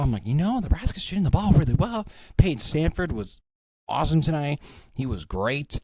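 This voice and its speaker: A man's voice: low-pitched, a little mellow, no room sound, clean studio sound. A young man hosting a solo sports podcast, venting with sarcasm and plenty of swearing. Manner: profane, sarcastic, fired-up venting. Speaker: podcast host. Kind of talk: solo sports recap rant.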